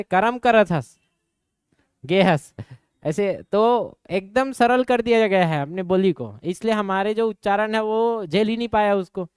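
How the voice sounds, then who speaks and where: A young man from Chhattisgarh with a Chhattisgarhi accent, teaching an exam coaching class with a slight nasal ring. He keeps asking the class quick questions and answering them himself, and he slips into regional dialect now and then. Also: high voice, a little mellow, smooth, no echo, clean studio sound. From Chhattisgarh, India.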